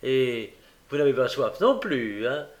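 A man's voice: medium pitch, sing-song, unhurried. A man voicing a fussy, pompous male doctor in a read-aloud novel, speaking sententiously and repeating himself. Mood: self-satisfied. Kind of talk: audiobook character reading.

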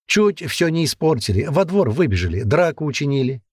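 A man voicing a sly hooded male adviser who speaks in a measured, quiet way. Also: big pitch swings, husky, no room sound, clean studio sound. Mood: calm. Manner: measured, low-key.

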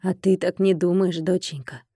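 A woman doing a wry, soft-spoken older mother. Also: on the low side, steady tone, normal speed, husky, no room sound, studio quality.

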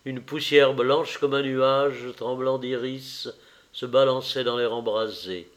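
Lecteur lent et posé. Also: male voice, mid-range voice, steady tone. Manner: measured, deliberate. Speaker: audiobook reader. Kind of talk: slow literary narration.

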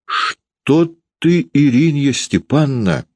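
A flustered middle-aged woman pleading and bickering in a raised, wavering voice, as a male reader plays her. Her pitch jumps a lot. The sound is dry and close. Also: expressive, moderate pace, no echo.

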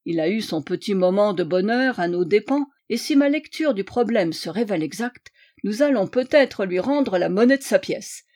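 A woman's voice: mid-range voice, animated, normal speed, a little mellow, lightly acted. A woman voicing Sherlock Holmes as a shrewd, playful male detective in an audiobook, courteous and wry. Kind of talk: audiobook character reading.

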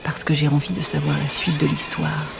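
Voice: mid-range voice, monotone, fairly quick, gravelly, background noise. A reader telling a children's bedtime story in the first person as a child, with confiding asides to the listener.

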